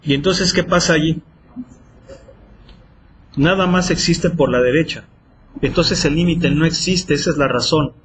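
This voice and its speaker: A man's voice: a little high, unhurried, long pauses, fairly bright tone, slight background noise. Math teacher quizzing his class. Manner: quizzing students with repeated questions. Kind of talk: classroom lecture.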